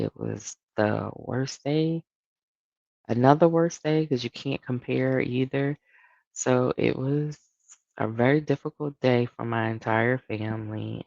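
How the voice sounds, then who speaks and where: Woman host; very deep, gravelly, unhurried storyteller on a dry, dull lo-fi video call. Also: darkish tone, no room sound. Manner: storytelling, laughs often, grows sombre. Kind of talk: live casual chat.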